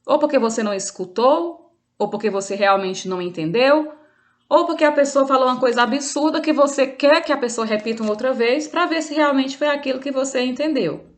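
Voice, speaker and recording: A woman's voice: sits high, fairly quick. A Brazilian woman with a Brazilian Portuguese accent, an Italian teacher giving an online language lesson, explaining patiently with frequent fillers and restarts.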